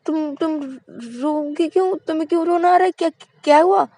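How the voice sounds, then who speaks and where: A woman's voice: very high voice, steady tone, moderate pace, dark tone, voice pushed up. A woman voicing a naive young woman in a told love story, stammering and repeating her words. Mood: anxious. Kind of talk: storybook voice acting.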